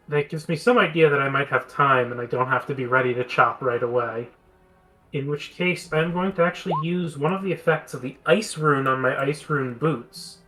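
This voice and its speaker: A man's voice: fairly high pitch, pushed and bright, rough recording. A man playing a tabletop game, thinking aloud as he plans his turn and explains the rules. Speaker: player.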